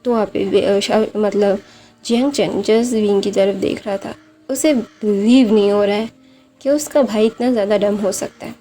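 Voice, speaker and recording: Woman, storyteller, casual retelling, mellow tone, faint music behind, loose and self-correcting. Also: mid-range voice, steady tone, moderate pace. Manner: loose, conversational, many self-corrections and fillers.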